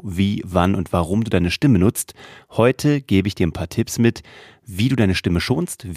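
A man in his thirties hosts a solo podcast and coaches his listeners on using their voice. His voice sits low, and the sound is close and dry, with no room around it. He talks in a lively, chatty way. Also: breathy edge, no echo. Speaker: podcast host.

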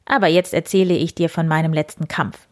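A woman's voice: low voice, fairly even intonation, a little fast, a little mellow, close to an everyday voice. A woman voicing a proud, hearty medieval count in a storybook reading.

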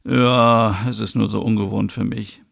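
A man voicing a fretful, teasing young man in a one-man audio soap, talking in a low-key mumble. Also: steady tone, moderate pace, creaky, a bit bright. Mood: grumbling.

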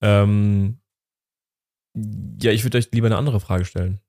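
A man's voice: on the low side, fairly even intonation, measured pace, a little mellow. A man co-hosting a casual podcast chat, emphatic and repeating his points. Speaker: podcast co-host.

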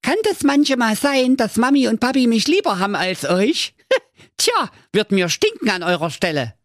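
A man's voice: very animated, normal speed, a bit bright, dry recording, studio quality, exaggerated voice. A man voicing a cheeky, whiny young Aladdin, brash and cursing. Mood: smug. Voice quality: squeaky, shrill put-on voice.

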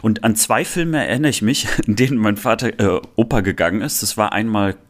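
Speaking a little quickly in a lowish voice, a man from the former Soviet Union co-hosts a podcast. He keeps things casual, often restarting sentences and leaning on fillers.

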